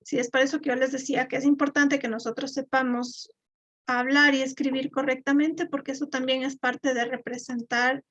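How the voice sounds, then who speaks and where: A woman's voice: high voice, flat delivery, moderate pace, fairly bright tone. A woman, teaching a live online class and explaining step by step with fillers and repeated words. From Ecuador. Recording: dull lo-fi.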